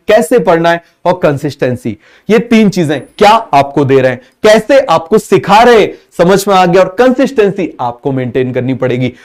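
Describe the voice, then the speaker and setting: A man teaching a biology exam-prep lesson with a Hindi accent, talking fast and constantly quizzing students with repeated questions. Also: high-pitched, a little mellow.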